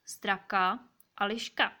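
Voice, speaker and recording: A woman's voice: medium pitch, steady tone, bright, forceful tone, close to an everyday voice. Wise old owl, firm, questioning, storybook voice, woman reading.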